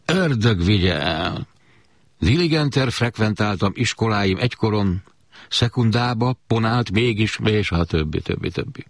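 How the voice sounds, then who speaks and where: A man's voice: on the low side, lively intonation, dry recording, clean studio sound, pitched above the performer's own voice. A man voicing a pompous learned man who declaims in mock-scholarly tones.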